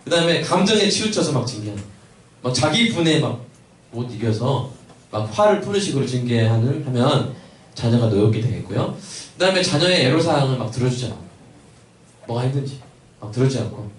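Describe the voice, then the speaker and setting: Pastor preaching in an echoey church. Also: male voice, mid-range voice, sing-song, brisk, recorded from a distance. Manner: asks the congregation many questions. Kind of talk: sermon. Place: church sanctuary.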